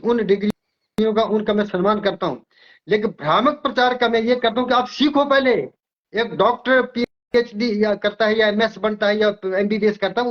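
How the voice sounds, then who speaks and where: An older astrologer from Himachal Pradesh, India, explains things emphatically in an interview, often repeating his words. His voice sits high, and the recording is muffled.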